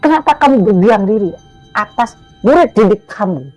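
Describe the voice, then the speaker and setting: A man's voice: high-pitched, animated, moderate pace, a little mellow, soft background music. A man voicing a stern, angry male Islamic teacher who scolds and insults harshly in his own everyday voice. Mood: scolding.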